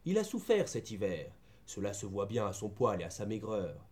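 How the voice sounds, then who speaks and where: A man voicing a steady farmhand in a storybook reading, calm and matter-of-fact as he explains. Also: lowish voice, normal speed, pitched below the performer's own voice. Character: steady older male farmhand tending animals.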